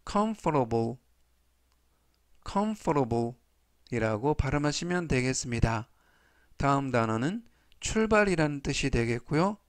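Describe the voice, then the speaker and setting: Very slow-talking man teaching English words. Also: a little high, clean tone, dry recording, studio quality. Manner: repeats each English word slowly three times; formal polite explaining. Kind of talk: slow scripted vocabulary lesson.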